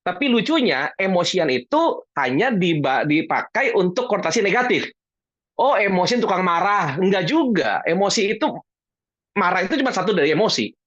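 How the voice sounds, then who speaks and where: A man's voice: high voice, sing-song, a little fast, a bit bright, no echo. A man answering audience questions about emotions in a casual, jokey way, acting out little dialogues. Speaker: guest speaker on emotions. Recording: dull lo-fi online talk audio.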